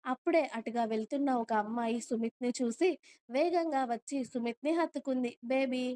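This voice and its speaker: Smooth-voiced woman storyteller. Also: fairly high pitch, a little fast. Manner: steady storytelling. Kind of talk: audio story narration.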